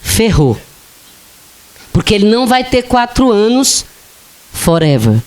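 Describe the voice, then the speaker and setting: A woman's voice: a little high, lively intonation, a little mellow. A woman giving a spiritist lecture to an audience, telling humorous anecdotes and acting out the voices of people in them. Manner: slow, humorous storytelling with acted-out quotes. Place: lecture hall of a spiritist center.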